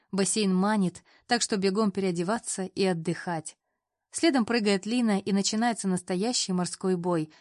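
Female audiobook narrator, mid-pitched voice, steady storytelling read. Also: no room sound, studio quality. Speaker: audiobook reader. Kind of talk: scripted narration.

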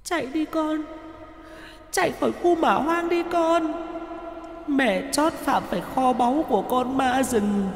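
A woman's voice: on the high side, very animated, takes it slowly, long pauses, a little hiss or hum, exaggerated voice. A woman voicing the ghost of an old mother, sobbing and pleading, with a ghostly reverb effect. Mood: urgent. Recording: echoey with long reverb.

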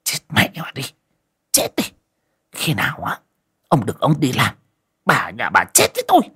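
A man's voice: medium pitch, huge pitch swings, normal speed, fairly bright tone, breathy edge, voice pushed up, exaggerated voice. A man voicing a cruel young stepmother, screeching and wailing melodramatically in a spoken folk horror story. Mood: vicious.

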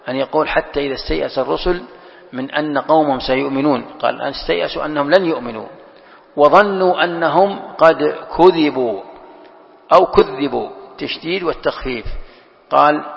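A man leads a classroom scripture lesson, working through each verse by repeating and explaining it. His voice is gravelly and mid-pitched. It carries a long reverb from a large hall, and the recording sounds dull and lo-fi. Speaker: sheikh teaching Quran commentary.

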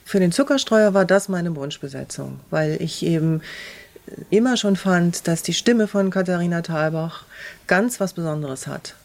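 A woman's voice: on the low side, normal speed, a little mellow. A woman speaking as a radio drama author in an interview, explaining her choices in a considered way.

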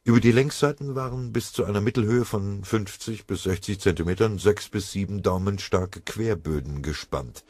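A man reading a history audiobook in scripted, measured, dramatic narration. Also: low-pitched, darkish tone, breathy edge, dry recording.

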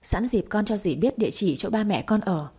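Female narrator plays sincere young man, warm and soft-spoken. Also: mid-range voice, expressive, fairly quick, husky. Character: young man, earnest and polite, a motorbike driver.

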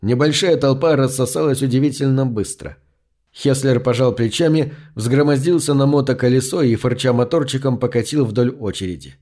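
A man narrating a science fiction story in a steady, measured audiobook reading. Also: medium pitch.

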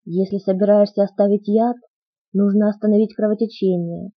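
A woman voicing a calm, composed male doctor who gives measured orders. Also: medium pitch, husky, no room sound, muffled recording.

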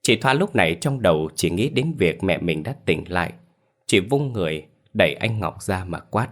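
A man reading a ghost story aloud in a steady, measured storytelling voice. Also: low voice. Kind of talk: scripted ghost story narration.

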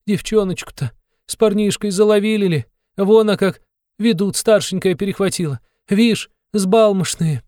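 A man reading an audiobook, voicing a coarse townswoman who gossips with loud exclamations. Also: high-pitched, moderate pace, dry recording, studio quality, voice pushed up, natural voice. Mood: gossiping.

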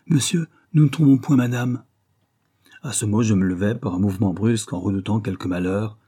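Brief: male audiobook narrator, measured literary reading, dark husky tone. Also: on the low side. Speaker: audiobook reader.

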